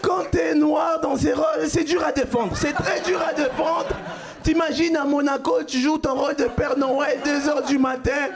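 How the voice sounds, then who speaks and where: A man from Cuba doing a stand-up comedy set on a club stage, with a loud, punchy delivery that shouts out the punchlines. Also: very high-pitched, fairly even intonation, moderate pace, vocal fry. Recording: live club recording with crowd. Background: audience laughter.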